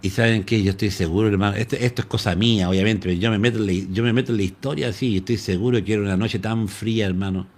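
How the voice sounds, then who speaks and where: A pastor from Chile with a Chilean Spanish accent, preaching a live-streamed sermon in an animated storytelling manner. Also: male voice, fairly low pitch, very fast, few pauses. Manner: animated storytelling, addresses listeners as "hermano".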